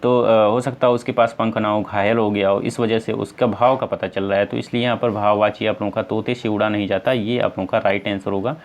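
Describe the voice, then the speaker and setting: A man's voice: fairly low pitch, steady tone, fairly quick, hardly any pauses, dull audio. Man, North Indian Hindi accent, exam-prep teacher, asks and answers himself, chatty fillers. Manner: explains step by step, asks and answers own questions; addresses viewers as friends, many fillers.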